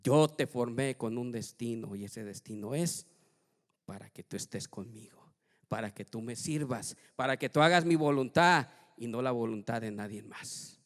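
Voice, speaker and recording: A male pastor giving a sermon in Latin American Spanish, swinging from hushed to loud and acting out quoted voices. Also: medium pitch, normal speed, in a large hall. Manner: acts out his own and God's words in quoted speech. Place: church.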